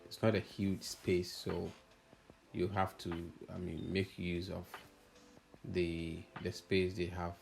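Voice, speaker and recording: With music playing behind him, an audio installer gives a casual, hesitant voice-over of his project video, thinking out loud along the way. He speaks slowly in a low, level, gravelly voice with a darkish tone. There's slight background noise.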